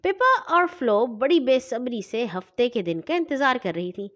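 A woman reading a children's story aloud in an expressive, lively way. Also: a little high.

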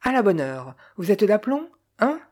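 Shaken male aviator, hurried and breathless but courteous, read by a woman. Mellow tone, storybook. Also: mid-range voice, sing-song. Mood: urgent, shaken.

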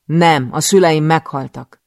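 A man reading an audiobook, voicing a furious, vengeful young female assassin who shouts in raw anger. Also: fairly high pitch, creaky, no echo, studio quality.

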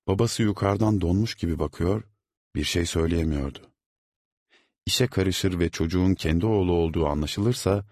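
A man narrating an audiobook in a measured, steady reading. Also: extremely low pitch, no room sound, clean studio sound. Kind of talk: scripted narration.

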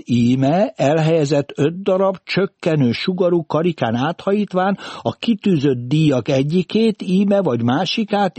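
A cheeky little boy from a storybook insists on his prize, swapping every r for a soft h and reciting like a schoolboy, as a man puts him on. The voice sits noticeably higher and pushes louder. It keeps a husky, mellow grain. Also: no echo. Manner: mispronounces r as h; recites pompously like a school lesson.

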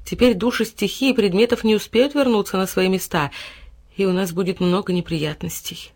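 A woman's voice: medium pitch, fairly quick, darkish tone, lightly acted. A woman voicing a stern, commanding old fairy in a storybook reading. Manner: reproachful, commanding.

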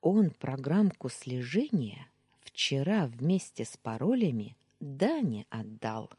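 A woman's voice: a bass voice, very animated, takes it slowly, dark tone, husky, no echo, clean studio sound, full character voice. A woman voicing a gossipy pregnant young woman who talks in a conspiratorial, often whispered manner in an audiobook. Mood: confiding. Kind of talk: audiobook character voice.

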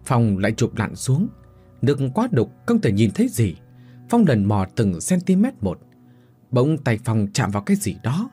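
Husky male horror storyteller. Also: mid-range voice, very animated, moderate pace, mellow, faint music behind. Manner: dramatic, suspenseful. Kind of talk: scripted horror narration.

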